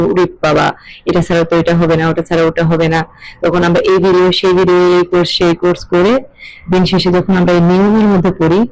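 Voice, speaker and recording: A middle-aged woman, explaining an English lesson in a measured, questioning way. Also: fairly low pitch, darkish tone, poor audio. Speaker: English teacher.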